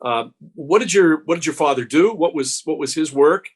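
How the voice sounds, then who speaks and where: A man hosting an interview, asking measured, polite questions with a few fillers. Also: on the high side, animated, husky. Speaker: interviewer and host. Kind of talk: conversational interview.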